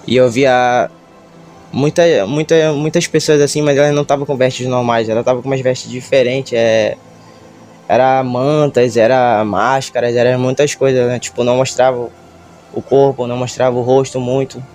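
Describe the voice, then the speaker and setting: A man with a Brazilian Portuguese accent giving a church testimony, nervous, halting and stammering as he retells it with feeling. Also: medium pitch, level tone, a little mellow, soft background music.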